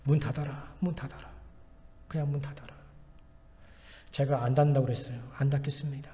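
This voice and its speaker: A man's voice: mid-range voice, fairly even intonation, fairly quick, dark tone, in a large hall. A man preaching a sermon as pastor in a church, urging and repeating exhortations with strong emphasis. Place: church sanctuary.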